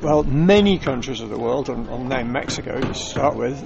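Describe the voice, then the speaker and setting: A man's voice: medium pitch, animated, moderate pace, creaky, lo-fi sound, a crowd in the background. A man with a Northern English accent, a touring cyclist, chatting about his travels and often restarting his sentences. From North of England. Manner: chatty storyteller with frequent restarts. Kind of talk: casual travel chat.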